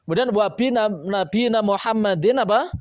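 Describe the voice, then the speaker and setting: A man preaching a sermon to boarding school students, coaxing and playful, with lively asides. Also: high-pitched, moderate pace.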